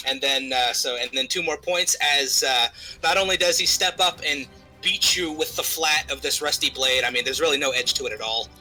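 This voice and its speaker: A man's voice: mid-range voice, normal speed, bright, forceful tone, faint music behind, poor audio. A man narrating as game master of a tabletop game, loose and full of fillers.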